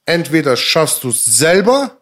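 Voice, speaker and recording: A man with a high voice that leaps around a lot, talking as a rapper guest in a relaxed interview. He speaks emphatically in street slang, says things twice and keeps checking that his listener is following. The talk is casual and frank. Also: a little slow.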